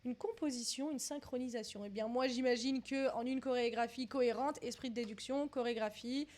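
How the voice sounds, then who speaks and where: A woman's voice: on the high side, fairly quick, a little mellow. Chatty young woman thinking aloud. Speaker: vlogger doing a dance quiz. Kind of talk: casual quiz commentary.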